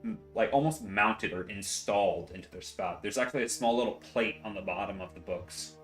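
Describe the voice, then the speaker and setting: Brief: man, deep-ish, casual game master, echoey room, faint music. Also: a little fast. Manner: relaxed, filler-heavy narration. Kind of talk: running a tabletop game online. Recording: roomy echo, faint music.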